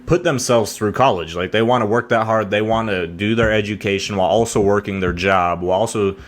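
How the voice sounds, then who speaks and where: A man's voice: fairly low pitch, brisk. A young man with a Texan accent, chatting bluntly and swearing casually as podcast co-host. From Texas. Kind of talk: casual chat.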